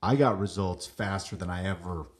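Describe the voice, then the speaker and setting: A man telling stories as a guest on a business podcast, lively, acting out what people said, with some casual swearing. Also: low-pitched, normal speed. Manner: animated, acts out quoted dialogue, casual swearing. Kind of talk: casual interview storytelling.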